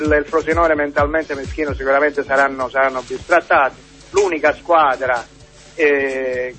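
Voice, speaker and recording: Halting man calling in. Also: on the high side, fairly bright tone. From Palermo, Italy. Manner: halting, repeats and restarts words, indignant. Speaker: caller. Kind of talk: football call-in opinion.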